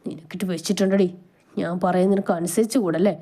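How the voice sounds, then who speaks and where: Woman doing a curt young man, irritable, scolding, storybook, mellow. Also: on the low side, steady tone, quick pace. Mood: irritated.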